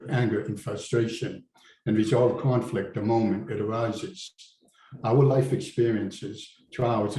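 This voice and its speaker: A man reading his personal essay aloud at a public event, earnest and deliberate. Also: on the low side, warm tone, a little hiss or hum. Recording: roomy venue with faint ambience.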